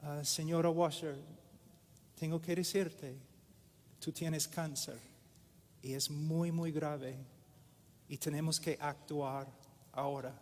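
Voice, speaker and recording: A man voicing a caring male doctor who gently gives grave news in a soft, serious tone. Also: fairly high pitch, steady tone, slow, long pauses. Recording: echoey hall with long reverb.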